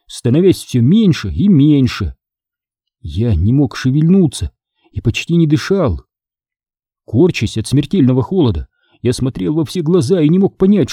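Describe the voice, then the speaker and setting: Dark-voiced man reading a horror story. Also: a little high, big pitch swings, normal speed, breathy edge, no room sound, studio quality. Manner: tense, vivid storytelling. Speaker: audiobook narrator. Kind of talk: dramatic first-person audiobook reading.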